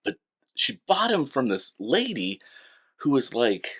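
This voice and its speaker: A man co-hosting a podcast, telling childhood stories in a casual, animated way with lots of laughing and acted-out quotes. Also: mid-range voice, a little slow, husky. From California. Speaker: podcast co-host. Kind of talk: casual storytelling chat.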